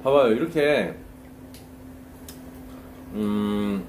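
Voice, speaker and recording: A man's voice: on the low side, drawn-out words, a little mellow, a little hiss or hum. A man eating on camera with his mouth full, chewing, and exclaiming over the food between bites. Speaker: food vlogger. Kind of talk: casual eating show.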